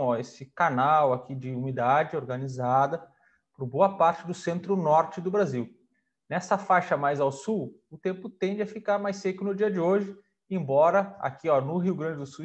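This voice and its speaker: A man in his thirties from Brazil, an agrometeorologist presenting the weather forecast over maps in a conversational way, speaking over a video call from a room at home. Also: a little high. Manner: conversational, with frequent pointing fillers.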